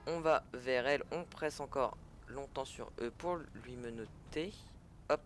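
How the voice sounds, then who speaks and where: With soft music playing behind him, a French-speaking man walks viewers through a game at an unhurried pace. His mid-range voice stays casual and chatty as he corrects himself along the way and leans on fillers.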